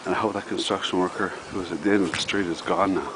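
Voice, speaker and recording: A man filming himself outdoors while exploring an abandoned site, giving a hushed, nervous running commentary and short of breath. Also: sits low, steady tone, quick pace. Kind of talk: handheld exploring vlog. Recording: loud wind noise outdoors.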